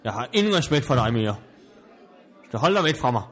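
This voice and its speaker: A man voicing a pompous estate owner, haughty, indignant, stammers when flustered, mid-pitched voice. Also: big pitch swings. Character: pompous snobbish male country estate owner. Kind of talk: improvised comedy sketch.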